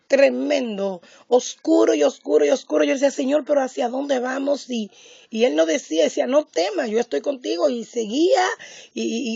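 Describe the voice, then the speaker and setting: A woman preacher with a gravelly, slightly high voice tells her testimony with fervent, repetitive intensity. The sound is dull and lo-fi, with a dry, close feel. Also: darkish tone, dry recording. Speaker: pastor. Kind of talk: testimony sermon.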